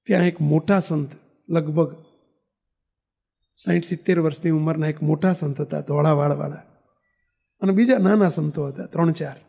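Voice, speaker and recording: Man, monk preaching, storytelling sermon, gravelly, mellow, questions to the crowd. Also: on the high side, fairly even intonation, normal speed, pauses often. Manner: asks the audience questions, acts out quoted dialogue.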